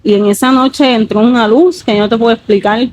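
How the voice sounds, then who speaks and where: Woman, 30s, slightly high pitch; earnest testimony with many fillers. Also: steady tone, a little fast, darkish tone, slight background noise, poor audio. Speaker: guest giving a testimony. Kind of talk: emotional personal testimony.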